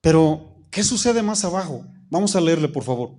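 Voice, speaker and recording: A man, a pastor preaching a sermon, reading scripture slowly and calling out questions to the congregation. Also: fairly high pitch, animated, warm tone. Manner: reads scripture slowly, stretching key phrases.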